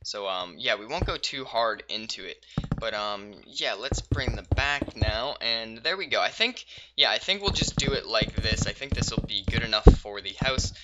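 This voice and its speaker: A man giving relaxed let's-play commentary while building in a game, thinking aloud with many pauses and fillers and sudden excited bursts. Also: on the low side, muffled recording, very noisy. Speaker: gaming YouTuber.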